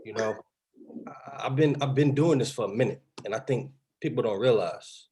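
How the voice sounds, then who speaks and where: A man's voice: mid-range voice, normal speed, darkish tone, breathy edge. A man appearing as a guest on a talk show, speaking in a confident, boastful press-conference manner.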